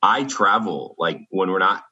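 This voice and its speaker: A man's voice: low voice, expressive, measured pace, bright, forceful tone, husky, lo-fi sound. A man on a video call podcast, talking in an earnest, easygoing, reflective way. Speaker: podcast co-host. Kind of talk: casual chat over a video call.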